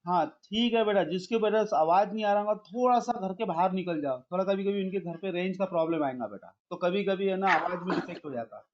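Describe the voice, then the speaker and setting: A man's voice: sits high, fast, hardly any pauses, lo-fi sound, a little hiss or hum. A man teaching a math class online, calling his students "beta" and mixing English math terms into his explanations.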